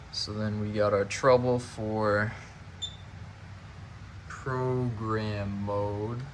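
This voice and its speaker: A man's voice: on the low side, noisy background. A man giving a casual hands-on demonstration, narrating each step informally as he goes. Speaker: fire alarm hobbyist demonstrator.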